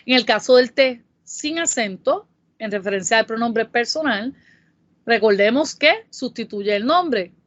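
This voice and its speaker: A woman with a Puerto Rican Spanish accent, narrating a Spanish grammar lesson in a careful, explanatory way and reading example sentences slowly. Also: a little high, lively intonation, no echo. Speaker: Spanish tutor. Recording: dull, dry voice-over.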